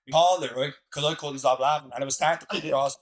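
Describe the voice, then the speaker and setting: A man's voice: a little high, fairly even intonation, rapid-fire, low-quality recording. Laughing, rambling Irish man. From Ireland. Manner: rambling, laughs through stories, many fillers. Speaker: guest musician. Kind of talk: casual storytelling.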